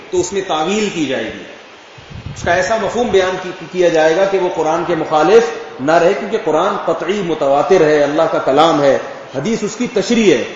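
A man delivers a religious lecture in a chatty, explaining way, stopping to ask if his listeners follow. His voice sits a little high and comes from a distance, dulled and ringing through a large echoing hall with a faint hiss underneath. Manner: conversational, checks understanding with rhetorical questions. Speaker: Islamic scholar. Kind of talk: religious lecture answering questions. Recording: echoey hall, far from dull mic, faint noise.

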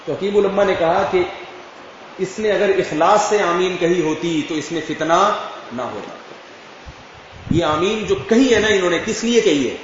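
A man, an Islamic scholar giving a conversational religious lecture and often asking his listeners whether they follow. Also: sits high. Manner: conversational, checks understanding with rhetorical questions. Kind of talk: religious lecture answering questions. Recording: echoey hall, far from dull mic, faint noise.

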